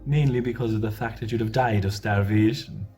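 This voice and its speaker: A man's voice: fairly low pitch, a little fast, darkish tone, soft background music. A man performing a comic sketch as a teacher, in a jolly, matter-of-fact lecturing way. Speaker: comedy performer.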